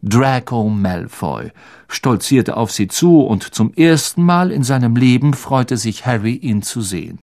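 A man reading a story aloud as narrator in an expressive storytelling manner. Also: mid-range voice, a little slow. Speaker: audiobook narrator. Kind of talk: scripted narration.

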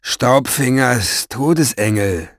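A man voicing a scheming, vain, gloating male villain in a storybook reading, with a velvety voice and a mocking, drawn-out, theatrical delivery. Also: mid-range voice, animated, dry recording, studio quality.

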